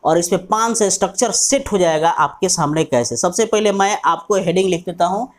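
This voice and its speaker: A man with an Indian English accent teaches an online English lesson, mixing Hindi with English. His high voice is brisk, and he spells words letter by letter and repeats his questions to the class.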